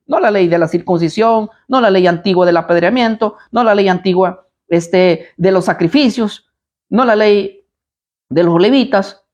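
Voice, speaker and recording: A man preaching at a live Bible study, combative and blunt, firing rhetorical questions at his listeners. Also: sits high.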